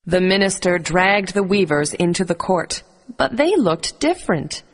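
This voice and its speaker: A woman reading a scripted bedtime story for children in a clear, expressive storybook delivery. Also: fairly low pitch, normal speed.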